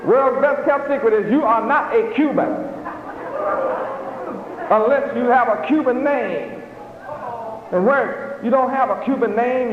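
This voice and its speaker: A man preaching a fiery sermon to a gathered audience, pressing his points with rhetorical questions and bursts of shouting. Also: very high-pitched. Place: hall with a live audience. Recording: echoey hall, dull lo-fi, noisy.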